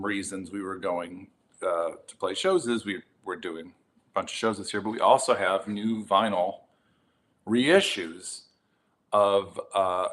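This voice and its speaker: A man's voice: lowish voice, fairly bright tone. A tired, jet-lagged middle-aged man chatting casually to camera about his vinyl purchases, rambling with many ums and restarts.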